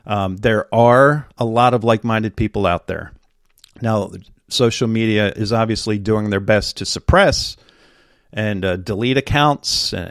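A man's voice: fairly low pitch, gravelly, no room sound, studio quality. A man hosting a political talk radio show, urging listeners to act locally in an urgent, rallying way.

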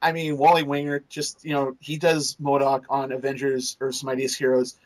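A man's voice: mid-range voice, monotone, normal speed, rough recording. Chatty man in rambling podcast talk. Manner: rambling, restarts often, laughs while describing. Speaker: podcast co-host. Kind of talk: casual chat reviewing a cartoon series.

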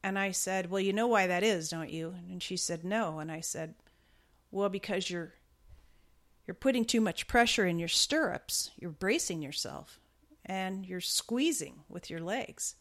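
A woman's voice: fairly low pitch, lively intonation, measured pace. A woman explaining riding basics in a chatty, step-by-step way, correcting herself now and then. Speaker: riding instructor. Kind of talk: casual instructional talk.

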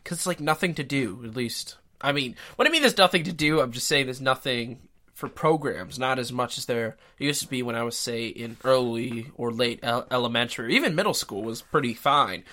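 A sixteen-year-old boy co-hosting a casual homemade podcast, joking, playful and quick to interrupt. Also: medium pitch, bright, forceful tone. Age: teens. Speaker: podcast co-host. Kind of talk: casual chat.

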